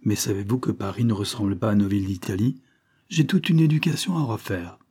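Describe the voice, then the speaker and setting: A man reading aloud, voicing a smooth foreign gentleman who plays a naive count, effusive and ingratiating. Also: fairly low pitch, fairly quick.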